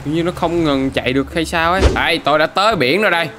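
Excitable gamer guy. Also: a little high, racing, over music. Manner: excitable, bursts of English exclamations. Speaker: gaming YouTuber. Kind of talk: gameplay commentary.

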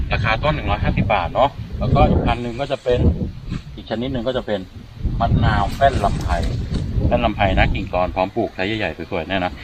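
Low-voiced man touring his plant nursery. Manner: chatty, often ends phrases with a soft "na". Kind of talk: casual walk-through video. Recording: outdoor noise, passing vehicles.

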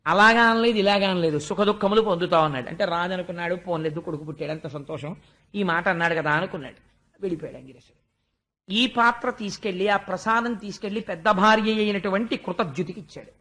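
A man narrating a devotional tale in an animated discourse. His voice is high and bright. He turns to his listeners with rhetorical questions. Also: fast talker. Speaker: religious storyteller.

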